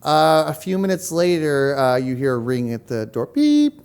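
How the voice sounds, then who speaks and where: A man narrating as game master, halting and full of fillers and restarts. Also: mid-range voice, creaky, smooth.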